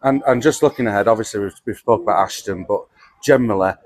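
Low-voiced radio interviewer. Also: male voice, quick pace, no room sound. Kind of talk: post-match interview.

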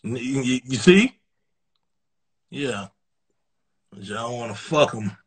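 A man's voice: mid-range voice, very animated, takes it slowly, slightly rough. A man hosting a live comedy stream, roasting callers with teasing banter. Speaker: livestream comedy host.

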